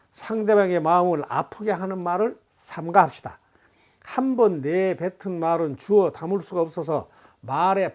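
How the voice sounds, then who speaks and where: Calm Buddhist monk giving a sermon. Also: mid-range voice. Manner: calm, measured teaching with everyday examples. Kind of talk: Dharma talk sermon.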